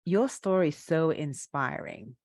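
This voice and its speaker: A woman's voice: deep voice, lively intonation, a little slow, a little mellow, no room sound. A woman hosting a conversational interview, encouraging and affirming as she listens and asks questions. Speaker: interviewer, host.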